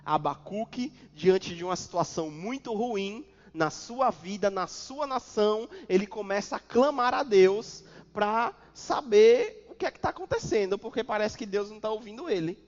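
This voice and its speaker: A male pastor with a Brazilian accent preaches in a high voice, stacking repeated phrases and landing them with sudden force. The sound is dull and muffled. A long reverb trails each line across the church hall. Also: expressive, moderate pace, few pauses. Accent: Brazilian Portuguese. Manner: preaching with repetition and sudden loud emphasis. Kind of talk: sermon.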